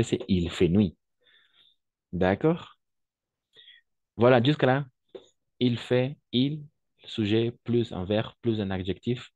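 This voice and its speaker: A man's voice: lowish voice, mellow, no echo. A man teaching a French lesson online, patiently repeating examples and often checking that his students follow.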